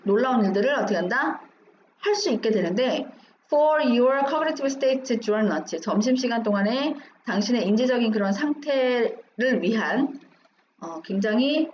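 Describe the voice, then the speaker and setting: A woman's voice: on the high side, animated, measured pace. A woman teaching English, going through an exam passage line by line, asking questions and answering them herself. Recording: dull roomy recording with faint hum.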